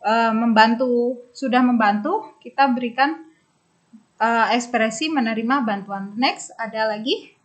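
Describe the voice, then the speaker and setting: A woman English teacher, explaining phrases in class and repeating them slowly for drilling. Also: fairly high pitch, dull audio. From Indonesia.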